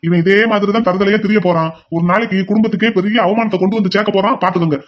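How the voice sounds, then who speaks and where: A man's voice: sits high, steady tone, rapid-fire, lightly acted. A man voicing an angry elder son in a cartoon, lecturing his family at length. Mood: indignant. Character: indignant elder son defending his wife. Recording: dull lo-fi audio.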